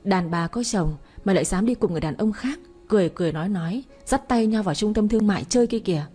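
A woman's voice: mid-range voice, quick pace, warm tone, breathy edge, faint music behind, close to an everyday voice. A woman voicing an angry, stern elderly father who scolds harshly in a storybook reading. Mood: furious.

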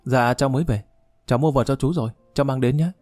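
An eager, deferential young man, read by a man. His voice is mellow and dark, and it is recorded close and dry. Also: mid-range voice, quick pace, dry recording, faint music behind, lightly acted. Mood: polite. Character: polite, quick-witted young man.

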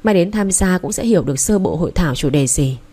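A woman reading as a calm young man teaching patiently, speaking low and mellow in a storybook reading. He sounds steady, instructive and unhurried. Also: husky. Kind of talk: audiobook dialogue reading.

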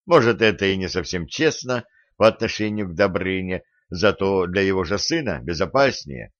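Male audiobook narrator, low voice, lively expressive reading, dull lo-fi sound. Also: normal speed, no echo. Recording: dull lo-fi recording.

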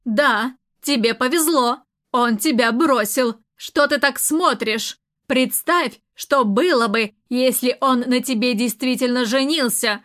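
A sharp-tongued middle-aged aunt, read by a woman in an audiobook, sarcastic and lecturing. The voice sits high. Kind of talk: audiobook character reading.

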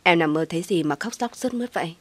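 A woman voicing a kind, shy young man who speaks gently to his girlfriend. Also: on the low side, lively intonation, racing, no echo. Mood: gentle.

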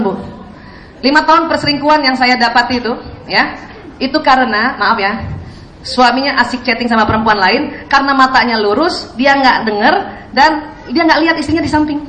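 Woman preacher, high voice, quizzes the audience, echoey hall, faint background hum. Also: fairly bright tone. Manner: questions the audience. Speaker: Islamic preacher. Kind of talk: sermon to women.

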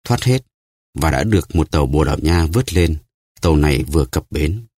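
A man's voice: very deep voice, expressive, normal speed, a little mellow, no room sound, studio quality. A man voicing a tearful young woman pleading with her father in an audiobook.

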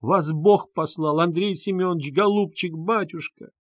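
A distraught woman, as a male reader puts her on begs fervently in a raised, strained voice. The pitch sits above a man's usual tone, and the reading is close and dry. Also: measured pace, dry recording. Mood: pleading. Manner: pleading, beseeching. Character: desperate pleading woman, distraught mother.

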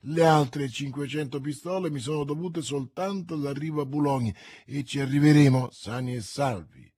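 A man's voice: on the high side, normal speed, darkish tone, husky. A man voicing a jovial, mercenary sea captain in an audiobook reading, hearty in manner. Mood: firm.

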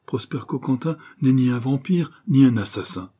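A man's voice: medium pitch, lively intonation, moderate pace, dark tone, breathy edge, voice pushed up. A man doing a flustered naive detective. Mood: indignant. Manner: stammering, pompous then panicky. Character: naive, flustered young male private detective.

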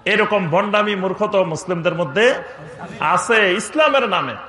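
Male preacher, high and forceful delivery, fiery sermon with chanted quotations, roomy echo. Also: lively intonation, moderate pace. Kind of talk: Bengali waz sermon.

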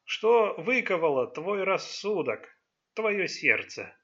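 Old grandfather, calm and sly, measured speech, read by a man for a storybook. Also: sits high, lo-fi sound, pitched above the performer's own voice, full character voice. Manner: slow, measured, knowing.

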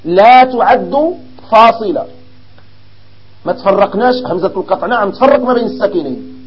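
A man with a Moroccan accent teaching an Arabic grammar lesson to a class, explaining slowly and quizzing his students. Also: high-pitched, lo-fi sound. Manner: explains slowly, asks the class questions, mixes in dialect.

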